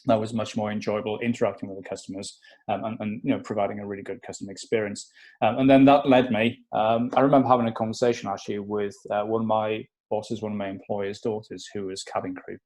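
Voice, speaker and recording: A middle-aged man with a Welsh accent from South Wales speaks in a fairly low voice. He tells his story in a loose, rambling way, full of fillers and false starts, with a self-deprecating streak. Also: little pitch movement, fast talker, darkish tone. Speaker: podcast guest. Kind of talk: casual interview chat.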